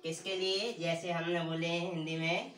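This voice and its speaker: Male teacher, slow deliberate delivery, quizzes and answers himself, distant mic, echoey classroom. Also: on the high side, level tone, fairly bright tone. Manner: asks questions and answers them himself, repeating key words. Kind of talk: teaching an English grammar lesson. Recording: echoey room, distant mic, faint room noise.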